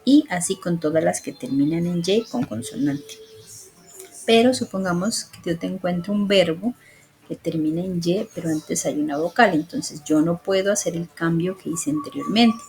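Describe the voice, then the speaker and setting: A woman teacher with a fairly low voice goes over grammar rules slowly. She is patient and checks in often with her students. A faint hiss of background noise sits under her voice. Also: darkish tone, poor audio. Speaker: English teacher.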